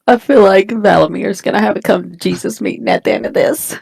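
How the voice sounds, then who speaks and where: A woman's voice: medium pitch, a little fast, gravelly, darkish tone, slightly rough, dry recording. A woman playing a tabletop game, reacting with exclamations. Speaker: player. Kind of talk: casual tabletop play.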